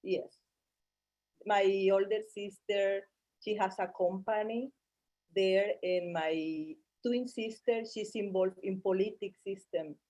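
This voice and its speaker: A woman from Colombia, a native Spanish speaker with a Colombian accent, chatting as an interview guest in halting, repeated short phrases. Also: mid-range voice, steady tone, warm tone, rough recording. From Barranquilla, Colombia. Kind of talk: casual interview chat.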